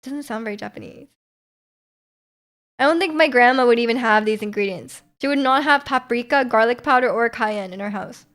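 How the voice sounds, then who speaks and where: This young streamer's voice is a little high and a bit bright, moving at a moderate pace. She chats loosely about viewer comments, rambling with many fillers and restarts and laughing frequently.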